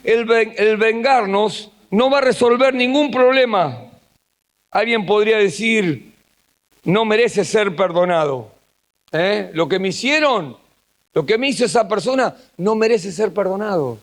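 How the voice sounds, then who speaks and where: Argentine male pastor, high voice, sermon delivery that drops to a hush and then rises with emphasis. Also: lively intonation, measured pace. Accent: Argentine Spanish. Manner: swings between hushed intimate passages and raised emphatic ones. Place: church camp gathering.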